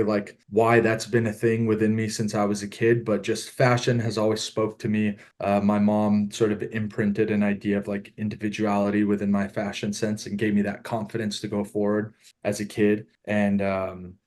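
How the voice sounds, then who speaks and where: A middle-aged man from Southern California speaks as a guest on a video-call podcast. His voice sits a little low, and he tells his story in an earnest, reflective way. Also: darkish tone. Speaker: podcast guest, apparel founder. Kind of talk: casual interview storytelling.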